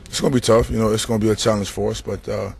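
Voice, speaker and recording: A man's voice: lowish voice, flat delivery, racing, vocal fry, a little mellow, slight background noise. A young man, a basketball player, giving reporters stock answers and repeating words in a practice gym. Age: young adult. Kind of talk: post-practice media interview. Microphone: cluster of handheld reporter mics.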